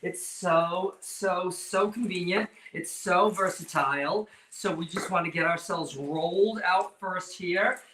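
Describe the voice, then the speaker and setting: High-pitched and pushed, his bright voice takes things slowly yet with few pauses as he hosts a casual live cooking show full of playful, campy drag queen banter and cheeky innuendo. The recording comes from a distant mic in an indoor kitchen with a stone counter, with roomy echo and a little faint noise.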